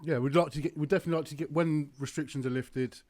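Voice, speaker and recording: A man's voice: on the high side, fairly even intonation, racing, darkish tone. A man co-hosting a podcast in casual chat, making dry, wry remarks. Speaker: podcast co-host.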